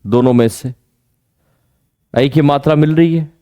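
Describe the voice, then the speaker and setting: A male grammar teacher in an exam coaching lesson, speaking at a very slow, deliberate pace in a slightly high voice. He quizzes students on pronunciation again and again and stretches out the example words. The sound is dry and close, with no room echo. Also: mellow, clear, resonant tone. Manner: drills pronunciation with repeated questions to students.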